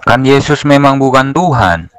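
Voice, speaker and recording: A man debating calmly over phone voice notes, asking plain questions in a measured way. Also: medium pitch, no echo, low-quality recording. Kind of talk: voice-note debate.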